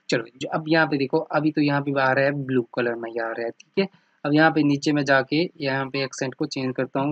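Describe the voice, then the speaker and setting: A man with a medium-pitched voice teaches a screen-recorded computer lesson on a dry, slightly dull lo-fi mic with no echo. He says "ठीक है" after nearly every point and draws attention to things on screen with "ये देखो".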